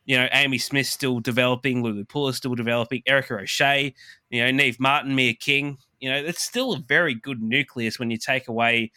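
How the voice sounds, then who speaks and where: An Australian man co-hosting a casual sports chat, rambling and excitable, with stammered starts. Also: mid-range voice, fairly quick, smooth, dry recording, studio quality. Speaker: podcast co-host.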